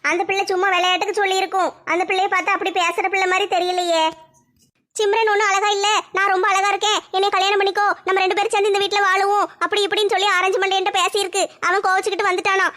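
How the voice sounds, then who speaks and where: A woman, acting out a comic family skit in fast, chatty banter. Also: very high voice, sharp tone.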